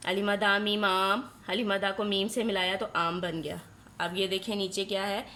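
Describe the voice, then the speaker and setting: A woman teaching a nursery class, spelling out letters and sounds slowly and asking questions she then answers herself. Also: medium pitch, steady tone, fairly bright tone, slight background noise.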